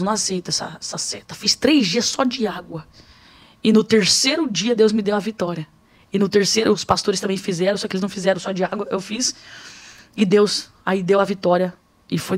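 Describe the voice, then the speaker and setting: A woman's voice: medium pitch, a little mellow. A woman, a podcast guest telling a spiritual testimony and acting out the scenes she describes. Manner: vivid storyteller, acts out scenes.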